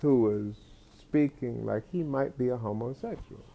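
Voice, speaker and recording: A man's voice: medium pitch, unhurried, vocal fry, mellow. A man telling a comic story in a rambling way, with many fillers and restarts. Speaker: comedic storyteller.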